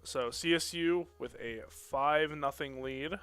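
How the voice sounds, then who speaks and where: A young man giving live play-by-play commentary on a student esports match, excitable and joking between plays. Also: on the high side, clear, resonant tone, dry recording, faint music behind. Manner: excitable, quick reactions, jokes between plays.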